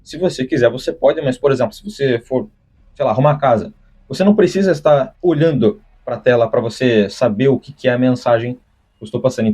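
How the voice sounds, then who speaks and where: Young guy chatting off the cuff, warm dark tone, bit husky, lots of restarts. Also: medium pitch, fairly quick. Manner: rambling, many restarts and fillers. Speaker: channel host. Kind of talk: unscripted casual talk to camera.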